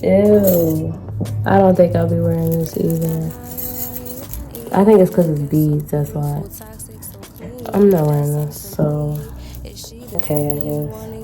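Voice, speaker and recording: Female haul vlogger, low register, loose slangy chat, clear music bed underneath. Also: fairly even intonation, unhurried, long pauses, dark tone. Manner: rambling, informal, slangy. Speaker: vlogger showing a shopping haul. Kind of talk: casual chatty haul vlog.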